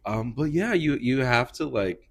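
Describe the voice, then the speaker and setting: A man's voice: medium pitch, expressive, measured pace, breathy edge. A man hosting a podcast interview in a casual, upbeat way, laughing often and talking with loose fillers. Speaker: podcast host. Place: indoor healing practice room.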